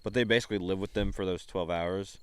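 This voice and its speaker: A man's voice: low-pitched, fairly even intonation, quick pace, clear, resonant tone, no echo. A young man co-hosting a podcast, easygoing and agreeable in casual chat. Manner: easygoing, agreeable, short replies. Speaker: podcast co-host.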